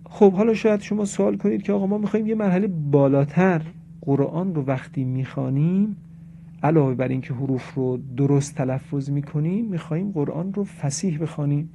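A man's voice: a little high, vocal fry, mellow. A man teaching a religious lesson on correct Quran pronunciation, explaining in a lecturing way and reciting Arabic examples. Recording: dull lo-fi recording with faint noise.

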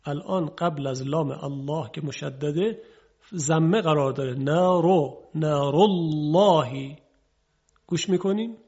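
Husky male tajweed teacher. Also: fairly high pitch, a little mellow, muffled recording. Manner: patient, explains then drawls examples slowly. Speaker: Quran recitation teacher. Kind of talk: televised tajweed lesson.

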